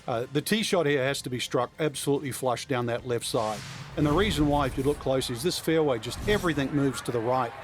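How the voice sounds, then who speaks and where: A man's voice: mid-range voice, a little fast, soft background music. A man giving live golf commentary and analysis as a broadcast analyst. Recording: noisy outdoor broadcast.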